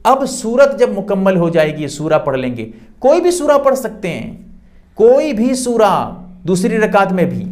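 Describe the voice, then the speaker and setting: Male religious teacher, slightly high voice, patient step-by-step explainer with emphatic rises. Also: a little mellow. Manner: explanatory, repeats points, rises in pitch for emphasis. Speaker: Islamic teacher. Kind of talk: religious instruction.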